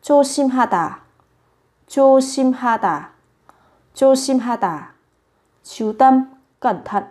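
Slow, careful woman drilling vocabulary. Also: a little high, mellow. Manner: repeats each word three times, careful articulation. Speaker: language teacher.

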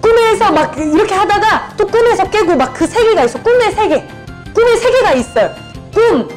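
A woman's voice: very high-pitched, lively intonation, moderate pace, music in the background. A woman hosting her channel, describing clues in a party guessing game and repeating words over and over. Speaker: channel host.

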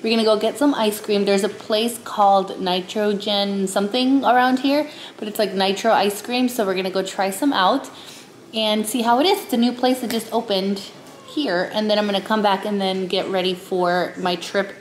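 Woman in her 30s doing a chatty vlog at home, medium pitched voice, kinda echoey room. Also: steady tone, moderate pace, a little hiss or hum. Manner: chatty, explanatory. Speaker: vlogger and flight attendant. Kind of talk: casual chat to camera. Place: indoor rooms at home, kitchen and bedroom.

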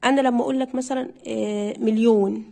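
Young woman, Egyptian Arabic accent, primary school English teacher, online lesson, coaxing, repeats words in drills, quick delivery. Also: fairly high pitch, fairly even intonation, gravelly, mellow.

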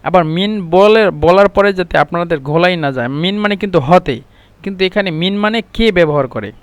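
High-voiced man teaching phrases patiently. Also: brisk, smooth, no echo. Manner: explains patiently, repeating each phrase several times. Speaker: Arabic language teacher. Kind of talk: spoken language lesson.

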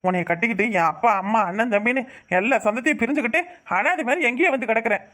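A bright, fast-talking cartoon husband, voiced by a performer, grumbles on and on in a Tirunelveli Tamil accent. He is young, irritable and forever complaining about his wife, scolding in rapid bursts. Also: mid-range voice, close to an everyday voice. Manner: nagging, complaining rants. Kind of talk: cartoon voice acting.

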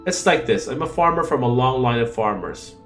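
A man's voice: mid-range voice, lively intonation, fairly quick, a bit bright, faint music behind, close to an everyday voice. A man voicing a worried, eager young first-year wizard student in a fantasy game. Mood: anxious.

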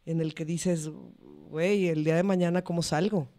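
A woman's voice: fairly low pitch, steady tone, normal speed, dark tone. Woman, podcast host, short encouraging prompts, casual chat.

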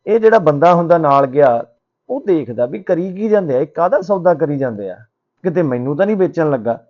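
A man's voice: on the high side, lively intonation, brisk, lo-fi sound. A man narrating a motivational story in a plain, conversational way.

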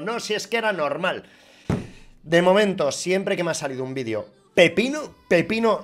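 A man with a Spain Spanish accent giving casual, swear-filled commentary as he opens online skin cases, shouting at big wins. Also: fairly high pitch. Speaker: gaming YouTuber.

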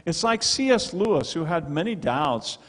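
A man's voice: on the high side, sing-song, moderate pace, fairly bright tone. A middle-aged man preaching a sermon in a church, talking into a handheld mic with emphatic gestures. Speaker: pastor. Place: church sanctuary with stone wall and projection screen. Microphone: handheld microphone. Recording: long hall reverb.

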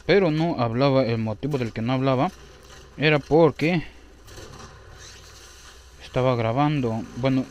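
A young man speaks in a somewhat high, very lively voice. He commentates his own gameplay with excitable outbursts and keeps repeating his phrases. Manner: excitable, exclaims and repeats himself.

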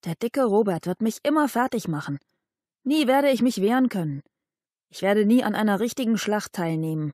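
A woman's voice: mid-range voice, lively intonation, normal speed, warm tone, no room sound, studio quality, lightly acted. A woman voicing a frustrated young boy squire who longs to fight, speaking in a pleading, indignant way.

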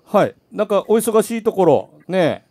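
A man's voice: high voice, very animated, normal speed, a little mellow. A man from the Nagoya area hosting a community radio show in a chatty, casual way from a studio. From Nagoya area, Japan. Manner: chatty, tags sentences with "ne". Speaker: radio host.

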